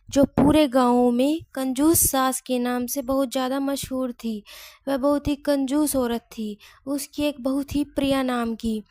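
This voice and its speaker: A woman narrating a family story in a steady, plain reading manner. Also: high-pitched, no echo, clean studio sound. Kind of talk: read-aloud storybook narration.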